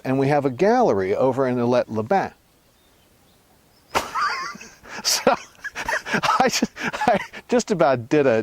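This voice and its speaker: A man recounts a trip in a relaxed, anecdotal way, his voice sitting on the lower side. He stumbles through fillers and restarts, then brightens and rises at the surprising turns. The sound is close and dry, with no room behind it. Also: dry recording. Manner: halting, many fillers and restarts, animated when excited. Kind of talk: casual anecdotal storytelling.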